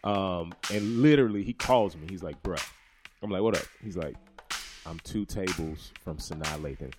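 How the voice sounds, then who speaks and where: A man's voice: sits low, normal speed, music in the background. A man on a podcast, telling a story in casual chat, laughing and quoting voices as he goes. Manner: animated, laughing, retells with quoted voices. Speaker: podcast co-host.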